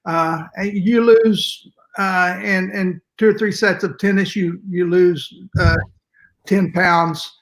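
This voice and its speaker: An older man with a West Texas accent and twang, reminiscing conversationally in a folksy, halting way as an interview guest. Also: sits high, fairly even intonation, rough recording. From West Texas, United States. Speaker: interview guest, music educator.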